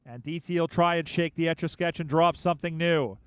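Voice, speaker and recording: Man, sports commentator, live play-by-play, slightly high voice, close dry mic. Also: clean tone, no room sound. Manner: rapid play-by-play, rising excitement on big plays. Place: outdoor sports field.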